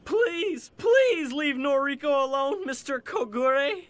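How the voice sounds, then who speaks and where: A desperate, pleading young hero. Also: male voice, very high-pitched, animated, slow, fairly bright tone, no echo, full character voice. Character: earnest good-hearted young male drifter. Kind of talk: anime dub acting.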